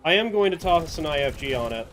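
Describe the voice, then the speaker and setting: A man's voice: fairly high pitch, animated, quick pace, a bit bright, slight background noise. A man giving casual, rambling commentary over his own gameplay, chatty and self-mocking, often tripping over his words.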